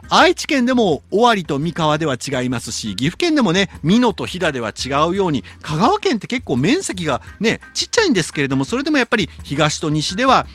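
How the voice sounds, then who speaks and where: Man, radio host, high voice, animated delivery, faint music underneath. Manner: lively, reads letters aloud, then comments chattily. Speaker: radio host reading listener letters. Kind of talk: casual radio talk.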